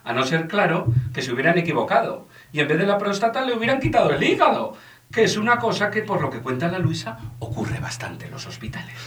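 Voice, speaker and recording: A man from reads a children's story aloud. His voice is a little husky, and his pitch rises and falls a great deal. He plays with the words, getting loud and then hushed. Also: fast. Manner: playful, lively, swings between loud and hushed. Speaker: storyteller and podcast host. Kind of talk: expressive reading of a children's story.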